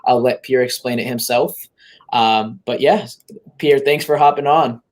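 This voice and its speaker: A man's voice: mid-range voice, fairly even intonation. Casual male podcast host. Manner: casual, halting with fillers and restarts. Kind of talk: interview podcast.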